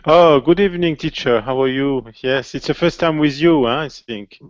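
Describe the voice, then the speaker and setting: A man's voice: a little high, normal speed, dry recording. Polite Swiss man with French accent. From Switzerland. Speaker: student. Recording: dry dull call audio.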